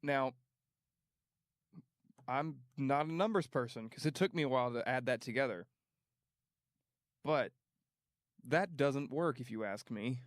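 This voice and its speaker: A young man co-hosting a podcast in casual chat, telling animated stories and quoting people in put-on voices. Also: medium pitch, measured pace, pauses often, no room sound, studio quality. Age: young adult. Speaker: podcast co-host.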